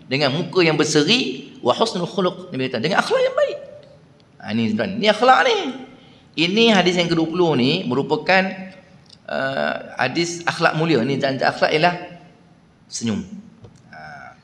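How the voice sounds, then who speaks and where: Malaysian malay guy preaching in a big echoey prayer hall, kinda high voice, acts out the people in his stories. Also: moderate pace, pauses often. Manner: animated storytelling, acts out voices of shopkeepers. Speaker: religious teacher. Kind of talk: mosque lecture with anecdotes.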